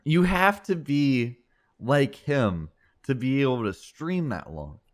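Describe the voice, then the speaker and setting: Slow-talking young man on a podcast. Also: mid-range voice, big pitch swings. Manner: laughs often, mimics others' stammering. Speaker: podcast co-host. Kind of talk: casual podcast chat.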